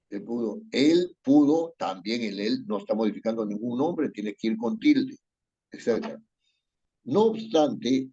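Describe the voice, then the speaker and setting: A man's voice: medium pitch, mellow, breathy edge. Man teaching punctuation over a muffled call. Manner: dictates punctuation aloud, checks with "¿no es cierto?". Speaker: writing teacher. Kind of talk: online class, reading and correcting a text.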